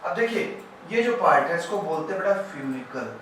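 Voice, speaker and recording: A man teaches a lesson, loud while explaining and quiet while he draws, and keeps checking that it is clear. His voice sits a little high. He is recorded from a distance in a very echoey room with faint hiss behind. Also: animated, fairly quick. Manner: explains step by step, asks "clear?" often. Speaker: biology teacher. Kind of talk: classroom lesson at a board.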